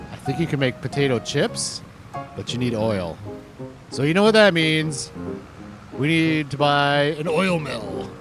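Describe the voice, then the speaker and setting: A man casually commenting on his own farming game, rambling and thinking aloud in an easygoing way. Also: fairly high pitch. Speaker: gaming channel host. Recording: music playing under the voice.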